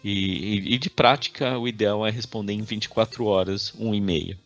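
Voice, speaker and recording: A man's voice: on the low side, fairly even intonation, moderate pace, a bit bright, soft background music. A man with a Brazilian Portuguese accent giving an informal workplace training talk, chatty and conversational, often ending his sentences with a questioning "né?". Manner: conversational, tags sentences with frequent "né?".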